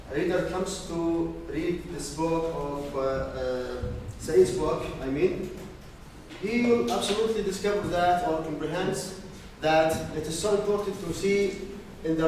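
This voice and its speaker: A man's voice: on the high side, a little mellow, distant mic, slight background noise. Man from Iraq, echoey classroom. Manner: reading from notes with fillers. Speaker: student presenter. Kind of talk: class presentation.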